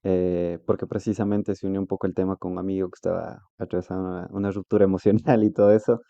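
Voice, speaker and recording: A man's voice: deep voice, level tone, quick pace, vocal fry, warm tone, no echo, lo-fi sound. A man hosting an interview podcast, asking rambling questions and backing up his guest with frequent "ujú". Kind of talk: casual interview talk.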